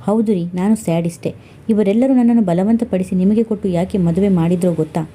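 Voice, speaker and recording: A woman's voice: medium pitch, brisk, slightly rough, natural voice. A woman voicing a bitter, sarcastic young wife in an audio story. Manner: sharp, sarcastic.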